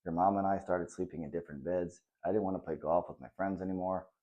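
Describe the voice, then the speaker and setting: A man reading the part of a kind, patient father who talks softly and reassuringly to his son in a children's story. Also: deep voice, steady tone, fast, narrow, tinny audio, lightly acted. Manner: soft and reassuring.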